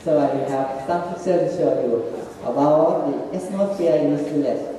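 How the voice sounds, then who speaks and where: A student presenter, a man, goes through his slides in halting, non-native English with frequently broken grammar. His voice is dark and mellow, though a little high. He's recorded far from the mic in a large, echoing hall.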